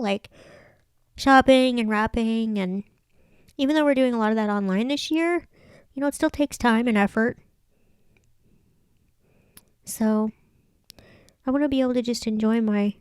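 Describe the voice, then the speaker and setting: A woman's voice: a little high, a little mellow, clean tone, no echo, studio quality. A woman giving a casual, chatty planner tutorial as a craft vlog host, thinking aloud as she goes.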